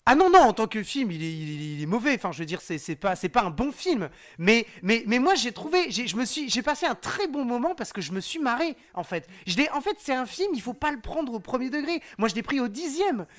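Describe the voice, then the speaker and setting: A man speaking as a podcast guest, lively and defensive in a casual chat, often breaking into laughter. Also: very high voice, a little fast, few pauses.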